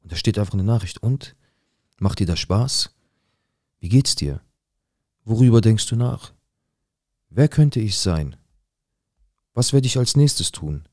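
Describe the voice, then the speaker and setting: A young man acting out a rough-talking, paranoid drug dealer who tells his own story in a dramatic monologue full of slang and swearing. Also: fairly low pitch, animated, unhurried, pauses often, a little mellow, no echo, clean studio sound. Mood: tense. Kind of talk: dramatic first-person monologue.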